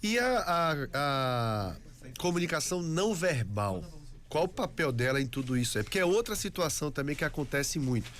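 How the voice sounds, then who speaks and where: A man's voice: on the high side, sing-song, normal speed, a bit bright. A man hosting a radio show who asks long questions and frames them with quoted examples. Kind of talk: radio interview.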